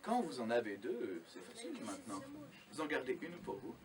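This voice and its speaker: Guy doing a kids magic party show, super lively voice, playful n theatrical, recorded far off w crowd noise. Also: mid-range voice, a little fast. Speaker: children's magician performing a show. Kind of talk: live magic show for children. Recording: distant live recording, children's audience audible. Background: audience of children.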